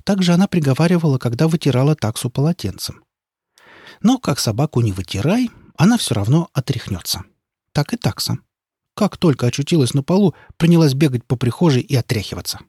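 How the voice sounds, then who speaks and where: A man reading a children's story aloud with lively, expressive narration. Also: mid-range voice, a little fast, husky, no room sound, studio quality.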